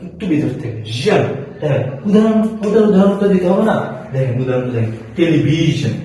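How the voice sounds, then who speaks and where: A man's voice: fairly high pitch, sing-song, quick pace, mellow, heavy reverb, far from the mic, low-quality recording. A man teaching spoken English pronunciation. He spells words out letter by letter and answers his own questions. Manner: repeats answers in call-and-response questions. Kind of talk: classroom lesson.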